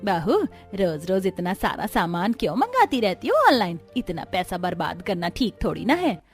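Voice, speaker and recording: A woman voicing a patient middle-aged mother-in-law in a cartoon story, gentle and pleading. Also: fairly low pitch, sing-song, moderate pace, soft background music. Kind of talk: animated storybook dubbing.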